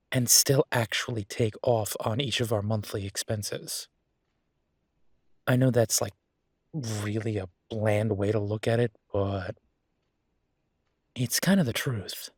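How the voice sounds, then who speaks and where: In an intimate audio roleplay, a man plays an affectionate young werewolf boyfriend, talking in a casual, hesitant, rambling manner. His voice is fairly low and darkish, captured in a clean studio with no room sound.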